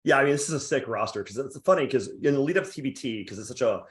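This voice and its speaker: A man's voice: mid-range voice, expressive, quick pace. A man hosting a casual sports podcast interview, chatty and joking. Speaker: podcast host.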